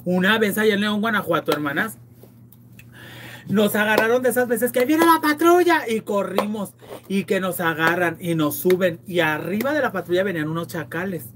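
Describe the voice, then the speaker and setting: A woman's voice: medium pitch, moderate pace, noisy background. A woman with a Mexican accent hosting a livestream, chatting, teasing and reading viewer comments in a playfully crude way. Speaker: livestream host.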